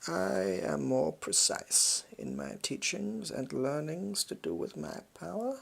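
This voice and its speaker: A performer plays a shady, pompous villain in a fake posh English voice, improvised as role-play. The voice is husky and creaky, with lively swings in pitch. The phrasing is fussy, evasive and halting, as if every word is being carefully picked. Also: full character voice. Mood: pompous, lecturing. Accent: posh English, put on.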